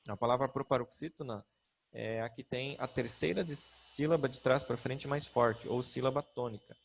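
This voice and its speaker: A man's voice: mid-range voice, moderate pace, gravelly, slightly rough. A middle-aged man with a Brazilian Portuguese accent teaching a grammar lesson, patient, often checking in with his students.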